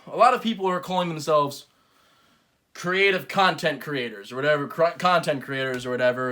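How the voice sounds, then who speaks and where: Male comedy host ranting from his bedroom, bright and forceful, excitable delivery. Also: fairly high pitch. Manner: excitable mock rants that swing from mumbling to yelling. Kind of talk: comedic home-made talk show. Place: bedroom at home.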